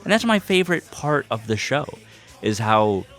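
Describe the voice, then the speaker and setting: The host of a personal video series chats casually through an unboxing, gushing like a devoted fan, repeating himself and swearing freely. His medium-pitched, slightly bright voice is very animated and moves at a moderate pace. Faint music plays behind him.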